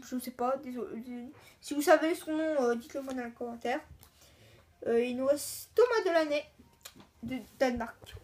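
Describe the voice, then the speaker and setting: Woman, high voice, casual unboxing chat, halting, name-by-name listing. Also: a little mellow. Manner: halting, chatty, lists names one by one. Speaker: video host. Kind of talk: casual card-unboxing commentary.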